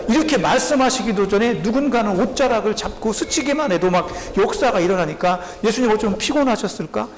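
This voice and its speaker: Male pastor, animated sermon delivery that voices the story's people, high gravelly tone, church hall reverb with faint room noise. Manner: speaks directly to the congregation. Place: church sanctuary.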